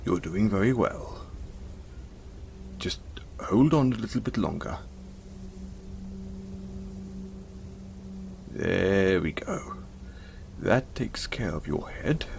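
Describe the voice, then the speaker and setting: In an intimate audio roleplay, a man voices a gentle, caring, self-conscious centaur, soothing, hesitant and apologetic in tone. His fairly low voice is creaky, the mood gentle and wistful, with a little hiss or hum.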